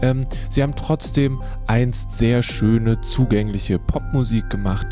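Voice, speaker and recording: A man's voice: mid-range voice, warm tone. A man introducing his podcast episode in a chatty, self-deprecating way. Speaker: podcast host.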